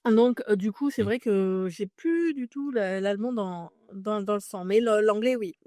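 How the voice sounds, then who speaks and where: This podcast guest, a Frenchwoman in her thirties, shares her story in relaxed interview talk, restarting often and using many fillers. She speaks in a dark, mid-range voice at a measured pace, with no room sound.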